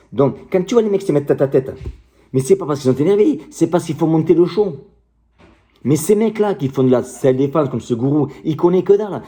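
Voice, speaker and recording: A man's voice: fairly high pitch, warm tone. A middle-aged man, a martial arts coach, ranting to camera in a combative, passionate and crude way. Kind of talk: direct-to-camera rant.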